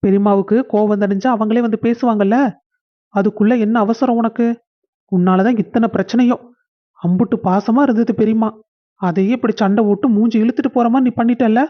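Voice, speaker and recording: A touchy husband who scolds and sulks, as the performer puts him on, with a Kongu Tamil accent. His voice stays flat. The recording sounds dull and lo-fi. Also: high-pitched, a little fast, close to an everyday voice. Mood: scolding. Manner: scolding, sulky. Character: touchy grown husband and brother.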